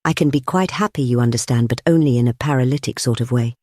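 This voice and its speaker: An audiobook reader voicing a male impostor professor who tells his tale in a wry, measured, droll way. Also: medium pitch, darkish tone, natural voice. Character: male impostor professor, dryly comic, rueful. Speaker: first-person storyteller in the novel. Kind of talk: audiobook character reading.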